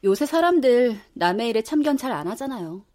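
An actress in her twenties playing a calm, matter-of-fact young neighbor. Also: fairly high pitch, fairly quick. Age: 20s. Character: young upstairs neighbor, cool and offhand.

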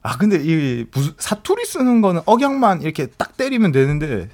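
Brief: male radio guest from Busan, Busan accent, somewhat high voice with lively pitch. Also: a little fast. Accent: Busan Gyeongsang. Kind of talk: casual radio chat.

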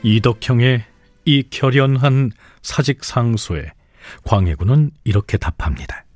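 A man hosting and narrating a history program in clear, explanatory scripted speech. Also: mid-range voice, animated, a little slow, darkish tone, faint music behind.

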